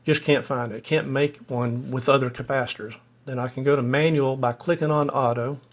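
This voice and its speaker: Man, casual screen tutorial, relaxed explainer, a bit hoarse, mid-pitched voice, thinks aloud. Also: moderate pace. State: a little hoarse. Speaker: ham radio hobbyist demonstrating software.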